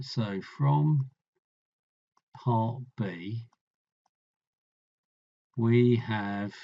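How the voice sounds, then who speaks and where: A man's voice: mid-range voice, mellow, dull audio. A man tutoring, thinking aloud as he works through a maths problem, musing and trailing off mid-sentence.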